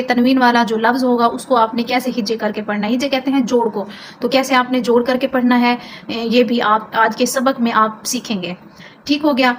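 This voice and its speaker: A woman teacher giving a recitation lesson, drawing out syllables slowly when she spells and speeding up when she explains. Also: on the high side, slight background noise, low-quality recording. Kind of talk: step-by-step spoken lesson.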